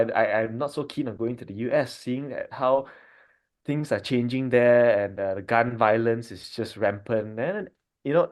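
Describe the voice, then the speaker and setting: A Malaysian doctor in his thirties chats in a relaxed family podcast, speaking at medium pitch. He is thoughtful and thinks aloud, with frequent fillers and restarts.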